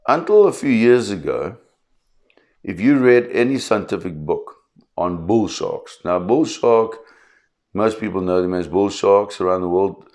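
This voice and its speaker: A South African man in his fifties, a shark expert explaining to camera with an emphatic, animated storytelling manner. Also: fairly low pitch, measured pace. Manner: emphatic, animated storyteller who acts out quotes.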